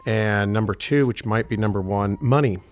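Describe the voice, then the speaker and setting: A man's voice: fairly low pitch, moderate pace. A middle-aged man from Houston with a faint Texan accent, a winemaker guest chatting casually and telling stories with plenty of fillers. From Houston, Texas. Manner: rambling, storytelling, many fillers. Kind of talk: casual interview chat.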